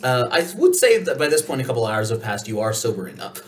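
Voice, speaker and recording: Male game master, animated pitch, a bit far from the mic, faint noise behind. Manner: loose, halting delivery with fillers. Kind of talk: narrating a tabletop game.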